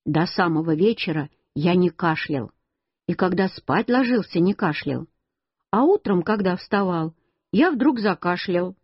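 A woman reads a children's story aloud in the first person, speaking as a little boy. Her voice is husky and breathy. The recording is dry, close and dull, with a lo-fi sound. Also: lowish voice, lively intonation, unhurried, no echo. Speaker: reader.

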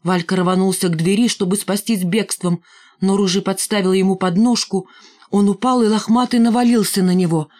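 A woman reading an audiobook in a steady, expressive narration. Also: medium pitch, moderate pace. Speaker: audiobook reader. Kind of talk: scripted narration.

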